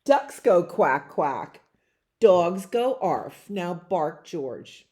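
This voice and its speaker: A woman's voice: on the low side, sing-song, drawn-out words, a little mellow, exaggerated voice. A woman playing a patient storybook mother dog. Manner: firm, patient correcting.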